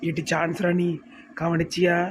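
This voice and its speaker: A woman's voice: fairly low pitch, monotone, moderate pace, a little hiss or hum, close to an everyday voice. A woman voicing a nosy village woman in a cartoon, gossiping in a Tirunelveli Tamil accent. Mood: gossipy. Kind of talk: cartoon voice acting.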